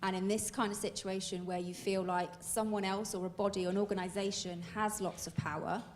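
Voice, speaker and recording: A woman's voice: mid-range voice, steady tone, brisk, slight background noise. A woman speaking on a panel at a public Q&A, thoughtful and hesitant, with many fillers.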